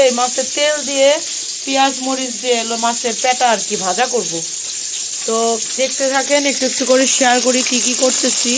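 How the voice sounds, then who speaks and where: Woman home vlogger, Bangladeshi accent, hoarse with a cold, slightly high voice, chatty, shot on a phone. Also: very noisy. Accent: Bangladeshi Bengali. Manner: chatty, showing food to the camera. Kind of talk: casual home vlog narration.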